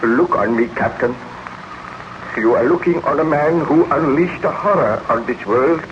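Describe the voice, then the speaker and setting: A man's voice: medium pitch, normal speed, close to an everyday voice. An actor playing a remorseful baron and scientist confessing his crimes, declaiming solemnly in 1930s radio horror style. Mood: anguished. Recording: dull, noisy old 1930s radio recording.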